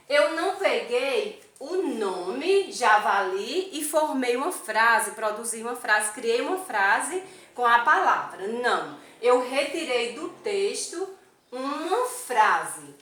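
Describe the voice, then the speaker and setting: A woman teacher, giving a slow literacy lesson to young children, counting aloud and asking questions. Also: fairly high pitch, a bit bright. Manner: asks many questions, counts aloud, tag questions like "não é isso?". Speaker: primary school teacher. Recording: echoey room, mic at a distance.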